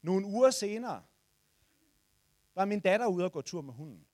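A man in his forties telling a personal story to listeners, animated and sometimes shouting in the tense moments. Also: sits high, dry recording, studio quality. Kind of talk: personal anecdote told to listeners.

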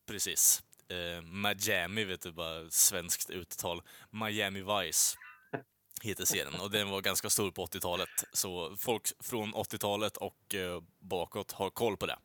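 Male co-host, rambling, hesitant, casual swearing, bright sharp tone. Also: low-pitched, fairly even intonation, no room sound. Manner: rambling, many filler sounds, swears casually. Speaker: podcast co-host reviewing films and music. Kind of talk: casual chat.

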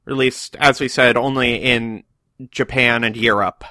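A man's voice: medium pitch, steady tone, a little slow, bright, forceful tone, no room sound. A man hosting a casual podcast, explaining facts with small restarts. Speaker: podcast host.

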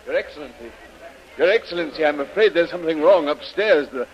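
A man's voice: on the high side, expressive, fairly quick, lightly acted. An actor playing a polite, flustered male butler in 1930s radio drama style, on a muffled old radio recording. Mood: alarmed.

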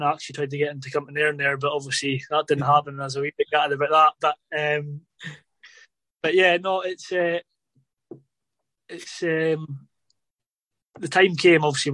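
A man's voice: medium pitch, no echo. A man telling stories in an interview about his days as a footballer, rambling casually with lots of fillers like "obviously" and "you know". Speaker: former footballer guest.

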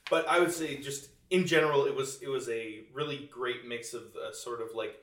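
A man's voice: mid-range voice, steady tone, moderate pace. A man co-hosting a casual movie chat, talking loosely with many fillers and frequent laughs. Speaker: podcast co-host. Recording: roomy echo, distant mic.

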